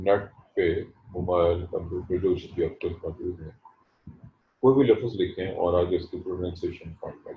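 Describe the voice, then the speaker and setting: Low voiced guy teaching botany online, slow and careful, muffled echoey sound. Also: a little hiss or hum. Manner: slow, explanatory, stresses pronunciation. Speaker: botany professor. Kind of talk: online lecture.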